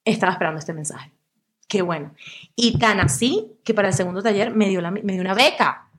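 A woman's voice: mid-range voice, brisk. A young woman from Venezuela, a guest and actress, chatting casually in an interview and telling stories with quoted voices. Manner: lively storytelling, acts out quoted voices.

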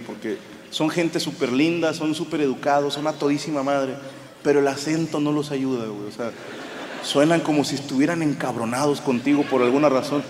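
A Mexican man with a Mexican Spanish accent does live stand-up, swearing freely and storytelling with animated energy in a slightly higher-than-usual voice. His voice carries a long reverb tail through the venue, and a steady layer of audience sound sits clearly beneath it. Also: slight background noise. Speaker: stand-up comedian.

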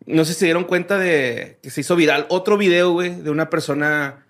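A man's voice: a little high, fairly quick, fairly bright tone. A man with a Mexican accent hosting a casual podcast, reading strange news stories aloud in a slangy, laid-back way. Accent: Mexican Spanish.

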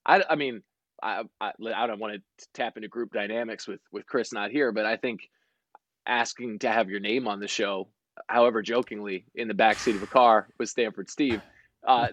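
A man's voice: mid-range voice, normal speed, a bit bright, no room sound. A man of forty, a sports broadcaster guesting on a podcast, talking in a rambling, tangential way and laughing often. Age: 40s. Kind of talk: casual chat.

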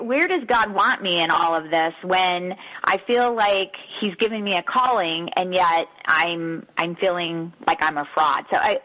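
A woman's voice: mid-range voice, a bit bright. A woman hosting a podcast interview, speaking in an encouraging, reflective way. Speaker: podcast host. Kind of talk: interview conversation. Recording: dull lo-fi sound.

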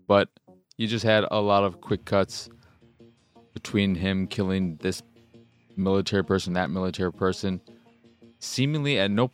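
A man in his thirties with a very low, gravelly voice, hosting a casual podcast. He talks loosely and crudely and rambles, close on the microphone. Faint music plays under him. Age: 30s. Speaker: podcast host. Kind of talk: casual solo podcast chat.

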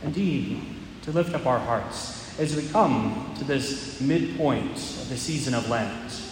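A man's voice: medium pitch, animated, slow, slight background noise. Man in long cathedral echo. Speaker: priest. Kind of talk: Gospel reading and homily at Mass. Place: large church.

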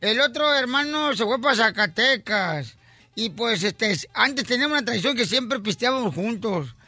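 A man's voice: very high voice, lively intonation, normal speed, pushed and bright, no echo. A man hosting a comedic morning radio show, joking and teasing callers.

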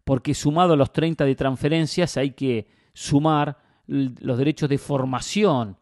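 A man's voice: mid-range voice, fairly even intonation, moderate pace, darkish tone, dry recording, studio quality. A man giving opinionated football commentary as a host, emphatic and fond of rhetorical questions and repetition.

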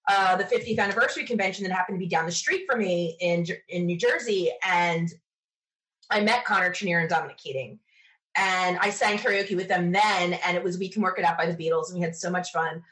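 Her voice is lowish and a bit bright as this US woman, a podcast guest, tells stories in a casual, enthusiastic interview chat at a fairly quick clip. The audio is poor.

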